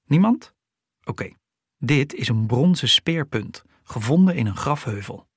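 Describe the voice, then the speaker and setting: A man's voice: mid-range voice, lively intonation, unhurried, breathy edge, dry recording, studio quality, voice pushed up. A man voicing a stern male schoolteacher who gives commands and lectures the class.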